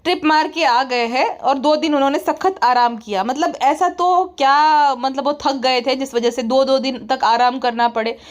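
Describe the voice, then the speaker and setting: A woman with a high voice delivering mocking parody commentary. She talks in a chatty, sarcastic way and scolds often. The delivery is playful and teasing. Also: normal speed, hardly any pauses. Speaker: comedy commentator.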